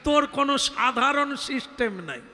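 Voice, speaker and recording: A male kirtan preacher tells a devotional story in a very high, bright, slow voice. He speaks dramatically to the women in his audience, mixing Hindi into his talk. Music plays under him, and a long hall reverb trails each phrase. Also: animated.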